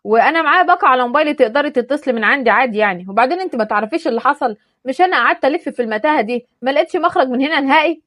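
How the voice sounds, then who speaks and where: A woman's voice: sits high, animated, racing, a bit bright, dry recording, studio quality. A woman voicing a joking young man with an Egyptian accent in a told story. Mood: teasing. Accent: Egyptian Arabic. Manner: joking, teasing. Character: young man, teasing joker with a soft heart.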